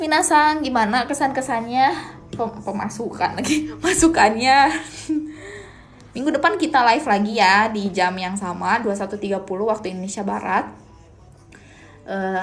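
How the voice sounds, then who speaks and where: A young woman runs a casual live-stream language lesson, talking in a relaxed, chatty way and sprinkling Japanese phrases through her explanations. Her voice sits a little on the high side.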